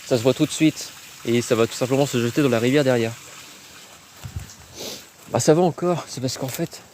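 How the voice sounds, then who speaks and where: A man's voice: medium pitch, moderate pace, a little mellow, a little hiss or hum. A man giving casual, hesitant live-stream commentary while exploring an abandoned site outdoors, talking into a handheld phone. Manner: casual, hesitant, thinking aloud.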